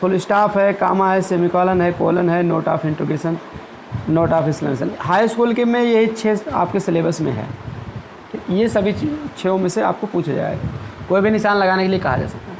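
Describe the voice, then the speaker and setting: A man's voice: high-pitched, vocal fry, background noise. A man teaching a grammar lesson, explaining patiently step by step with everyday examples and often checking that students follow. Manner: reads English example sentences slowly; checks in with "ठीक है" and "clear".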